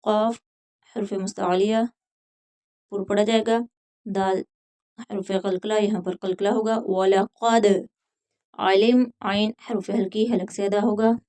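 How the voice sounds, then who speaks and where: A woman teaching tajweed, reciting verses in a drawn-out chant and then explaining each letter rule in quick spoken lines. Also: medium pitch, steady tone, mellow. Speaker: Quran teacher.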